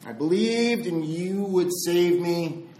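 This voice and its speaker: Calm devout priest read by a man, polite and serene, roomy echo. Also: high voice, takes it slowly, slight background noise, pitched above the performer's own voice. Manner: gentle, polite refusal. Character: devout village priest, calm, unshakably trusting.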